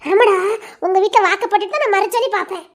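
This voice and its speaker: A piping, childlike-high voice that rattles along at a breakneck clip belongs to a feisty young village woman, played by a woman. she teases and jokes and throws out mock threats in this audio love drama, giggly and quick as she goes. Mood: teasing. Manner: rapid rural chatter, giggly, mock threats.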